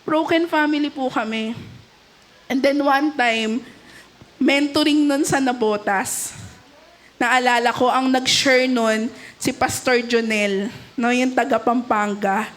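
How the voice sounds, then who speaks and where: A young woman with a Filipino accent preaches with a high voice. She is lively and keeps asking the congregation questions, with a joke here and there. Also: slow pace, long pauses. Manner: lively, asks the congregation questions and jokes with them. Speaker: youth leader preaching at a cell celebration. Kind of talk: sermon in Taglish.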